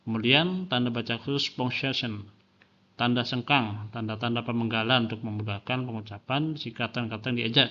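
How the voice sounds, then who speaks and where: A man's voice: mid-range voice, muffled recording. A male lecturer, explaining a lesson with examples, frequent fillers and rhetorical questions. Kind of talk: classroom lecture.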